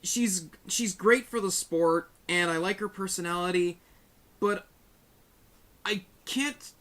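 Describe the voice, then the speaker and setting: A man's voice: high-pitched, slow pace, a bit bright. A man co-hosting a casual podcast chat, making blunt, jokey asides. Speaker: podcast co-host.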